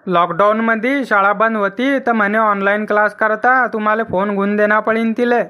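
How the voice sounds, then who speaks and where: An actor voicing a grumbling middle-aged village farmer in a cartoon comedy, speaking in rustic, scolding banter. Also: male voice, high-pitched, fairly even intonation, moderate pace, sharp tone.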